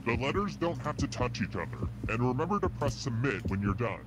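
A man voicing a sinister, taunting game-show host through a deep voice changer that drops his voice very low. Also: a little fast, heavy background noise. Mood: menacing. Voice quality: very low, processed. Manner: taunting, sly deadpan. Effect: deep pitch-lowering voice changer. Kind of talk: scripted game narration.

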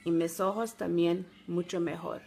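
A middle-aged woman with gives a casual, halting step-by-step product demo, recorded on a phone at arm's length at home. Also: on the low side, fairly even intonation, gravelly, mellow, a little hiss or hum. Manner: halting, simple step-by-step instruction. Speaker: product demonstrator. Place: small room at home, indoors.

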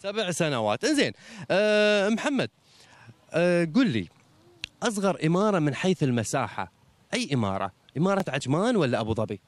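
A man's voice: high-pitched, fast. A man hosting a TV show, giving a short religious talk and then chatting playfully with children in a mosque courtyard. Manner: lively, teasing, chatty with children. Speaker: TV show host. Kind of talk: religious talk and quiz with audience.

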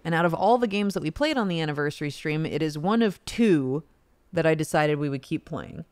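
A woman's voice: low voice, animated, fairly quick, a little mellow, no echo. A woman giving casual livestream commentary as she plays a game. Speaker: game streamer, voice actor.

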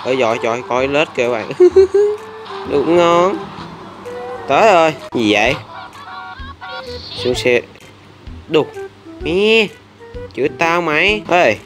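A man giving casual gameplay commentary, excitable and reacting loudly to the game with frequent swearing and laughter. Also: a little high, a little slow, long pauses, soft background music. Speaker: gaming channel host.

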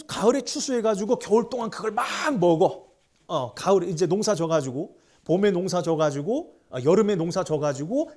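A male history teacher with a slightly mellow voice lectures, his pitch bouncing up and down as he explains each point. He fires rhetorical questions at the class and shifts between polite and casual speech.

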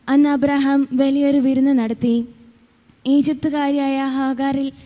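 A high-voiced woman lector reads scripture in a steady, measured way. She's in a church, and the recording has the reverberance of a church hall.

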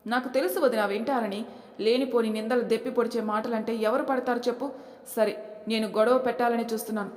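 A woman's voice: fairly high pitch, steady tone, fast talker, darkish tone, close to an everyday voice. A woman voicing an outspoken young daughter-in-law in a family audio story, talking in a firm, pointed way. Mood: defiant. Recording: echoey reverberant room.

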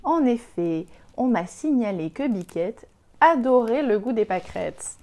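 A studious little boy with a notebook, played by a woman reading a storybook speaks in a matter-of-fact way. His voice is mellow and plain, and he is a little quick to give up. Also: fairly high pitch, animated.

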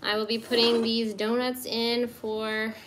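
Baking at her kitchen table indoors, a woman in her thirties livestreams to a phone camera, chatting and giggling as she works. She speaks on the high side, a little slow and somewhat bright, with little pitch movement; the rough recording has slight background noise.

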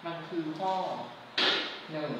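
A woman from Thailand teaching an English lesson, patiently explaining words and slowly spelling them out. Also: heavy background noise. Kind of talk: classroom lesson. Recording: echoey room, mic at a distance.

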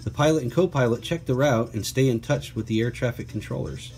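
This man's medium-pitched, darkish voice reads a picture book to children, clearly and deliberately, with chatty asides and playful questions, soft background music behind him.

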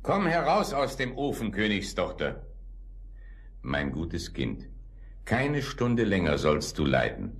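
A man voicing a kindly old king in a fairy-tale radio play, speaking softly and coaxingly, in a fatherly way. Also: deep voice, huge pitch swings, slow pace, heavily acted. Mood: gentle.

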